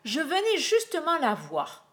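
A woman's voice: high voice, huge pitch swings, measured pace, voice pushed up, exaggerated voice. Sly, cruel old titan of myth as a woman reader puts him on, raised voice that turns harsh and demanding in a storybook reading. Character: cunning cruel father god, child-devouring.

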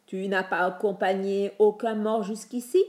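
A woman voicing a grumbling old male ferryman of the dead in a storybook, with a slow, drawling delivery. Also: mid-range voice, fairly even intonation, a little mellow, roomy sound, close to an everyday voice.

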